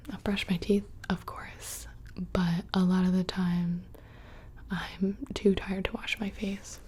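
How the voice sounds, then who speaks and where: A woman's voice: on the low side, dark tone, slight background noise. A young woman whispering casually and close to the microphone, rambling through questions in an ASMR video. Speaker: ASMR creator. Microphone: close studio microphone.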